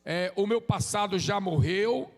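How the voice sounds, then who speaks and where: A visiting preacher in his forties from Sergipe, Brazil gives an informal sermon in a church sanctuary, joking and chatting and dropping "amém?" tags for the crowd's call-and-response. His voice is high-pitched and playful at a measured pace, with heavy hall reverb.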